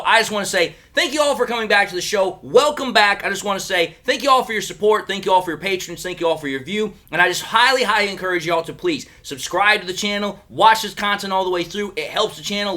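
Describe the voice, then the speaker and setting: A man hosting a sports fan show talks casual sports analysis straight to his viewers, chatty and repeating himself. He's a little under the weather, so his high, bright, forceful voice sounds slightly crackly. He talks fast with hardly any pauses.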